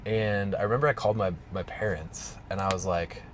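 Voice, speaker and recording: A man with a low, deep voice tells a personal story in an unscripted, rambling way, leaning on "like" and restarting his sentences. He sounds like a coach talking straight to camera. A faint hum of room noise sits behind him. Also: steady tone, brisk. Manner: casual, rambling, heavy use of "like". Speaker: strength coach.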